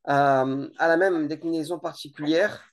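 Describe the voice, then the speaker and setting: A relaxed teacher giving an informal grammar lesson, explaining slowly with many hesitations and repeated words. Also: mid-range voice, background noise. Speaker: Arabic teacher.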